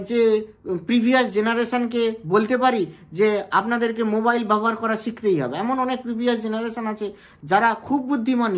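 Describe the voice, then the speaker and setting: A woman, hosting an education channel and explaining a legal issue to camera in a measured way, pausing often on hesitation sounds and asking rhetorical questions. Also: a little high.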